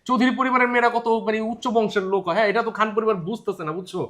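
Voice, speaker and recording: An actor playing a young husband who stammers and coaxes his upset wife, talking very fast. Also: sits high, noisy background, natural voice. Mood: placating. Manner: stammering, coaxing. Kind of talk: TV drama acting.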